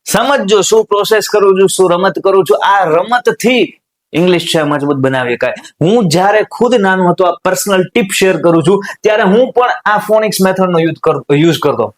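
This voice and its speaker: A man's voice: high-pitched, moderate pace. A young man teaching an English spelling lesson, repeating words and checking that students understand. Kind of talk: classroom lesson.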